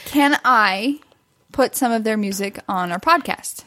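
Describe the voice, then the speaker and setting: A woman's voice: a little high, lively intonation, unhurried, pushed and bright. A woman co-hosting a podcast, handing out advice in a teasing, chatty way and laughing a lot. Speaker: podcast co-host. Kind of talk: casual podcast chat, giving dating advice.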